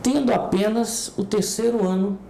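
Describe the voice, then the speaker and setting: A woman's voice: mid-range voice, fairly even intonation, moderate pace, creaky, dark tone, reverberant, poor audio. A Brazilian woman interviewing someone in a conversational style.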